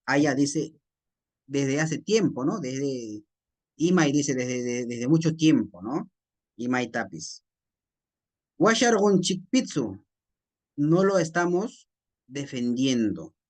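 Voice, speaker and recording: A man with a Peruvian Spanish accent teaching a class, explaining a text slowly and checking in with his students. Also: mid-range voice, expressive. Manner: slow, repetitive teacher talk with frequent tag questions.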